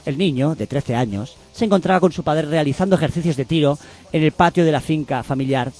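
A man hosts a comedy show, reading the news at a brisk pace. He drops sardonic, deadpan asides. His voice is slightly high for a man. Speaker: host.

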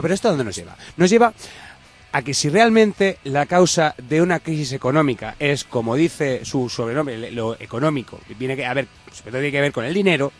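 A man in his thirties hosts a comedic radio chat with a fairly high-pitched voice. He speaks from in a theatrical, ironic manner and rambles through his points. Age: 30s. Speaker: radio host.

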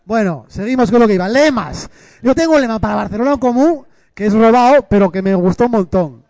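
A man's voice: high voice, animated, fast, creaky, a little mellow, dry recording. A man co-hosting a casual comedy chat, joking and rambling with many restarts. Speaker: co-host.

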